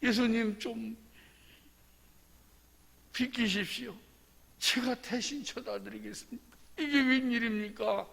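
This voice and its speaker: A man's voice: a little high, a little slow, vocal fry, in a large hall. A male preacher voicing a frantic, tearful peasant man who begs to carry a cross, with urgent, pleading exclamations.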